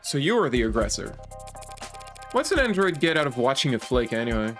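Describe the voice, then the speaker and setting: A man streaming himself through a story game, mixing read-along lines with wry, dry asides. His voice sits at an ordinary middle pitch. Faint game music runs under him. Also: sing-song, brisk, a bit bright.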